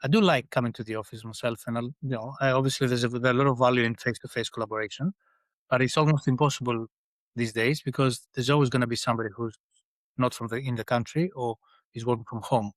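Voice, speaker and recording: A middle-aged Greek man, an engineering leader appearing as a podcast guest, talks at medium pitch in a steady tone and at a quick pace. The recording is dry, and his conversational interview answers are thoughtful, with many restarts.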